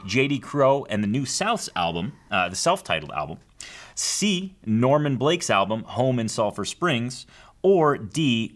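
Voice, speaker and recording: A man hosting a podcast about acoustic guitars, upbeat and excitable, with jokes at his own expense. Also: mid-range voice. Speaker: podcast host. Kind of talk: enthusiastic show hosting.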